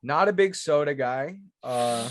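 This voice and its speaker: A man's voice: fairly high pitch, animated, unhurried. A man co-hosting a casual podcast, joking around with slangy, laid-back banter. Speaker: podcast co-host. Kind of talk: casual chat.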